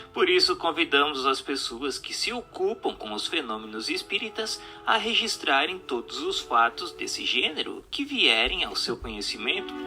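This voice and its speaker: A Brazilian man reads a scripted audiobook narration with a mid-range voice and a bright, forceful tone. His delivery is deliberate and articulate, with emphatic phrasing.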